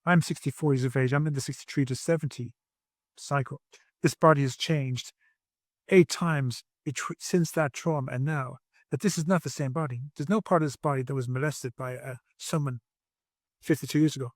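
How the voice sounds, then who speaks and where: An earnest man in his sixties tells his personal story as a podcast guest, speaking from his home over a video call. He talks reflectively, often restarting his sentences. His voice sits at an ordinary pitch, and the recording is dry. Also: steady tone, moderate pace, no room sound. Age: 60s.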